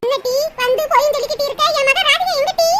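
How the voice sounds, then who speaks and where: A performer voicing a loud, anxious mother in a cartoon, shouting and calling out. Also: very high voice, quick pace. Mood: shouting worried. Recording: loud background hiss.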